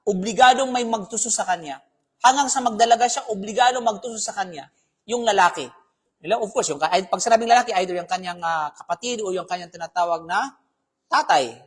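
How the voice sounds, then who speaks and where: Husky-voiced male preacher, conversational. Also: high voice, fairly quick. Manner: conversational, keeps asking "di ba?", mixes in English phrases. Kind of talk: live Islamic talk on marriage.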